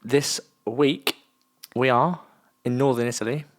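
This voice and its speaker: A man's voice: mid-range voice, fairly even intonation, a little slow. A young man from the South of England co-hosting a casual sports podcast, joking and laughing as he chats. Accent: Southern English. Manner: jokey, laughs a lot, trails off mid-thought. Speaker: podcast co-host. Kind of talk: casual chat.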